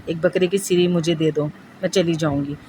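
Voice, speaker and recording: A woman's voice: on the low side, fairly even intonation, warm tone, a little hiss or hum, natural voice. A woman voicing a menacing female jinn. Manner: threatening, demanding.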